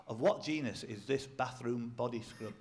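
A man's voice: mid-range voice, normal speed, darkish tone. Man, quiz host, pub function room, reads questions, dry teasing remarks. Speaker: quizmaster.

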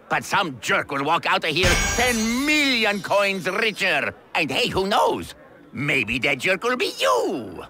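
An actor voicing Wario, a greedy, boastful male schemer in a video game, brash and gravelly, over loud game music. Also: high-pitched, exaggerated voice. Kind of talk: video game cutscene voice acting.

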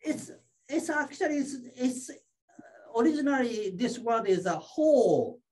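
High-voiced woman teaching very slowly. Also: expressive, a crowd in the background. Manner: short phrases, acts out patients. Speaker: shiatsu teacher. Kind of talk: teaching through an interpreter.

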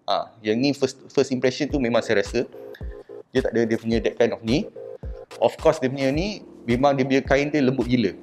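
A man's voice: medium pitch, brisk, a little mellow, faint music behind. A Malaysian man talking through a cloth mask, chatty and casual, reviewing a product for his vlog and mixing English into his speech.

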